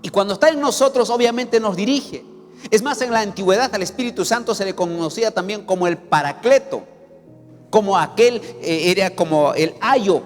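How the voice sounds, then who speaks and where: Male pastor, high lively pitch, emphatic sermon delivery, long church reverb with faint music. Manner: emphatic preaching, sweeping pitch, acts out scenes. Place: church hall.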